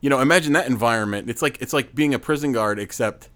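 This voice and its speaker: A man co-hosting a podcast in casual chat, trading quick jokes. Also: mid-range voice, fairly bright tone. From French-Canadian descent. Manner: wisecracking, quick quips. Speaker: podcast co-host.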